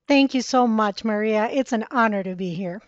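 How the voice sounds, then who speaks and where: A woman's voice: mid-range voice, moderate pace, dry recording, dull audio. A woman from Costa Rica, a spiritual mentor, telling her personal story earnestly as a guest in a conversational interview.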